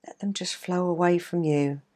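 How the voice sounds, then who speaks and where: A woman coach leading a guided relaxation exercise in a gentle, soothing, measured way, leaving pauses between phrases. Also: lowish voice, fairly even intonation. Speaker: coach and podcast host.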